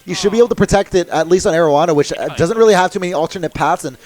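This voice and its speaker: Brief: young male esports caster, excitable fast live commentary. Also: high voice, no room sound. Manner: fast excitable play-by-play with laughs.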